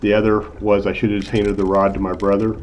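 Older man, low and mellow, relaxed vlog narrator with lots of fillers, recorded on a phone with a faint hiss. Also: quick pace. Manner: easygoing, frequent "uh" fillers. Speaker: channel host, accountant. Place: in a car, then voice-over.

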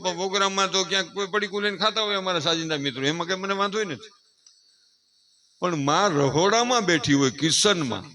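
A man's voice: high-pitched, sharp tone. A middle-aged man giving a folksy moral talk to an audience, playfully acting out family voices and rising into emphatic declamation. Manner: playful, acts out voices of mothers and family members. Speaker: folk speaker addressing an audience.

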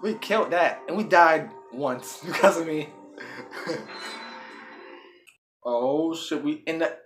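A man giving live gameplay commentary, excitable, swearing a lot and yelling at the game. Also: on the high side, moderate pace, rough recording. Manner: loud, laughing outbursts. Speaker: gaming channel host. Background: faint game music and sounds.

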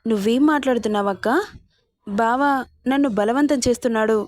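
A young woman betrayed by her own family, outraged and pleading, read by a woman narrator in her own voice. The voice sits fairly high and sounds close and dry. The reading is plain storytelling rather than a full character voice. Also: fairly quick, a little mellow, dry recording, close to an everyday voice. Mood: distressed.

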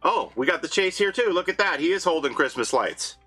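A toy collector vlogger chats casually while unboxing, his voice swinging between excited highs and low, muttered asides. He speaks briskly, with music playing underneath.

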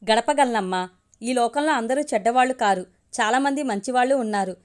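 A woman's voice: on the high side, a little fast, lightly acted. A woman voicing a defiant young woman who protects an adopted baby, firm and emotional.

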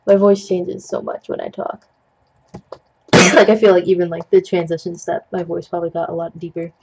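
A young adult hosting a digital art tutorial paints at a home desk, rambling in a chatty, self-deprecating way full of puns and coughing occasionally into a webcam mic. The voice is medium-pitched and gravelly, swinging widely in pitch at a normal speed. The recording is muffled and very noisy.

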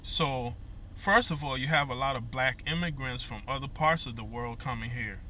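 At a normal speed, a man in his thirties with a Liberian accent speaks earnestly to the phone camera he holds at arm's length inside a vehicle. He's a musician and vlogger, his mid-range voice pushed and bright, his casual talk dotted with fillers and repeated words over a faint hiss or hum.

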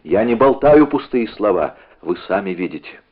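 A man's voice: on the low side, lively intonation. A man reading as a tormented avenger. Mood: fierce. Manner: intense, halting confession. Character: tormented man set on revenge. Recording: narrow phone-like audio.

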